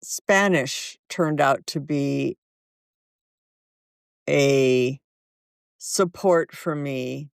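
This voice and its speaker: A woman in her seventies, a guest author, shares slow, thoughtful, warm anecdotes in a reflective interview. Her voice is a rumbling low with vocal fry and a smooth quality, recorded at studio quality with no echo.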